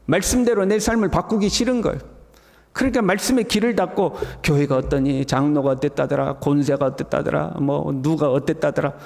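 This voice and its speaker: A man's voice: on the high side, fairly quick, gravelly, darkish tone. A male pastor giving an early morning sermon, often acting out the mocking voices of scoffers. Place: church sanctuary. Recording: church hall with long reverb.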